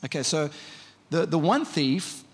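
Conversational preacher in a reverberant church. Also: male voice, fairly high pitch, expressive, a little slow, husky. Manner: conversational, vivid, asks the congregation questions. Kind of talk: sermon. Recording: long hall reverb.

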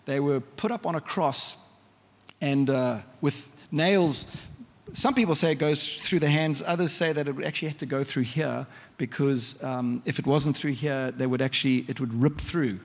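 A man's voice: mid-range voice, moderate pace. A man preaching a sermon in a church, conversational and vivid, often asking the congregation questions. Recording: long hall reverb.

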